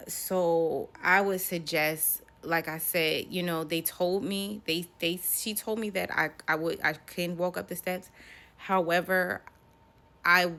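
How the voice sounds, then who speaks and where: An American woman around her thirties, with a low-sitting, bright voice and a forceful tone, talks casually in a personal vlog. She rambles conversationally, addressing her viewers directly.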